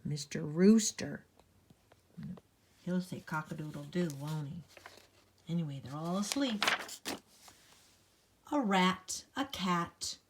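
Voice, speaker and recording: Over very noisy audio, an older woman with a lowish voice reads a picture book to young kids, animated and slow with long pauses. She lists things in a playful sing-song, stresses them dramatically, and breaks off for chatty remarks to the little listeners.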